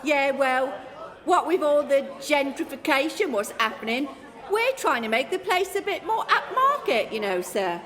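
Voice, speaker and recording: In a comic radio play, a feisty, foul-tempered Cockney pub landlady fires off slangy threats in a high, forceful, brash London voice. She's very animated and keeps a moderate pace. Her words ring through a reverberant hall with a crowd in the background.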